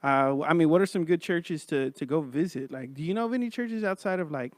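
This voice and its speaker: A man's voice: a little high, quick pace, no echo. Casual male podcast host, dry close sound. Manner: informal, says man and bro often. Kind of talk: casual chat.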